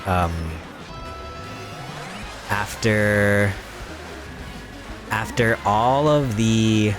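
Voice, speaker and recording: Giggly deep-voiced young male streamer. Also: very slow, music in the background. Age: young adult. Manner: giggly, rambling, playfully mock-serious. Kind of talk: casual live-stream chat while gaming.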